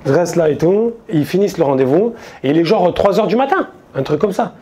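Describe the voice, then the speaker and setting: A comedian on stage, spinning a loose, slangy story for the crowd. His voice sits a little high for a man, yet its tone is mellow and relaxed. He talks to the audience like old friends. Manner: casual slangy storytelling, quoting friends in quick asides. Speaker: stand-up comedian. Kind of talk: stand-up storytelling. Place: stage before a live audience.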